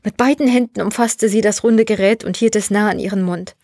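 Woman reading a story out loud, measured and expressive, dry close sound. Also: mid-range voice, no room sound. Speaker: narrator. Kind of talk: scripted audiobook narration.

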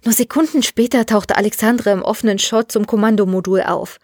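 A woman reads a story aloud in a measured, expressive narrating voice. The recording is dry and close, with no room sound. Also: medium pitch, dry recording. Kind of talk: scripted audiobook narration.

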